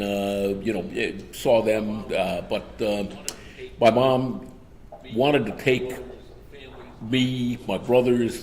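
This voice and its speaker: A man with a somewhat low voice chats beside the main commentator. He tells stories in a meandering way, pausing on fillers. The delivery is relaxed and conversational. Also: creaky. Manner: rambling storyteller, many fillers. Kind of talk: anecdotal commentary chat.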